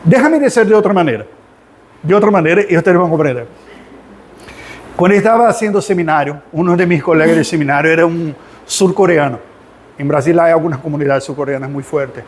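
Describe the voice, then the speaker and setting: A man teaching a Sunday school Bible class in an animated way, often asking the class rhetorical questions. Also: on the high side, brisk. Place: church classroom.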